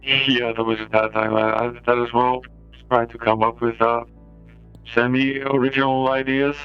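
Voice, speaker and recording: A man chats haltingly over his gameplay, his voice run through a crunchy, bitcrushed eight-bit robot filter. The sound is dull and lo-fi, and his pitch stays flat. Faint game music plays underneath. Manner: halting, with many pauses. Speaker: game streamer. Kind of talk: casual gameplay commentary. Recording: lo-fi filtered stream audio.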